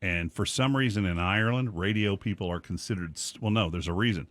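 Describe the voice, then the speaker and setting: Man, radio host, low voice, dry studio mic, animated storyteller. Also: a little fast, dry recording. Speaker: radio morning show host. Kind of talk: casual studio banter.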